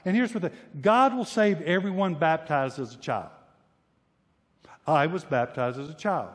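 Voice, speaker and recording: A man's voice: fairly high pitch, expressive, moderate pace, in a large hall. A male pastor preaching a sermon with emphasis, often repeating and restarting words and acting out imagined voices. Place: church sanctuary.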